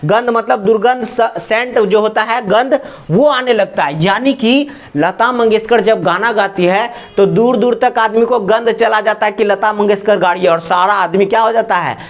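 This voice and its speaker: A man's voice: high voice, moderate pace. A man teaching exam memory tricks, repeating lines and asking rhetorical questions as he drills the class.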